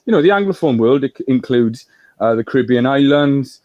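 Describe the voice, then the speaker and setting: A man's voice: medium pitch, expressive, a little fast, darkish tone, muffled recording, a little hiss or hum. A man from Wales in a political discussion, explaining at length in a lecturing way.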